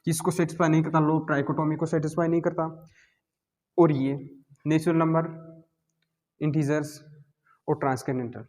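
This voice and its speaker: A man's voice: fairly high pitch, level tone, moderate pace, long pauses, a little mellow. A male math teacher, giving a classroom lecture and constantly asking and answering his own questions. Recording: long hall reverb.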